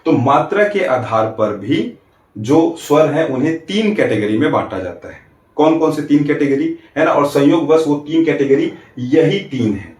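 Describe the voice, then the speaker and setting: A man's voice: on the high side, lively intonation, normal speed, darkish tone, recorded from a distance. A male teacher giving an exam-prep grammar lesson, explaining step by step with rhetorical check-ins and drawing out vowels to demonstrate. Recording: roomy, from off the mic.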